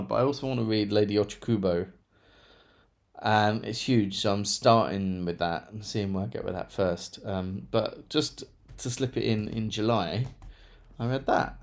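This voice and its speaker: A man chatting casually through a monthly book review, rambling with self-deprecating asides. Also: medium pitch. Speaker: book vlogger.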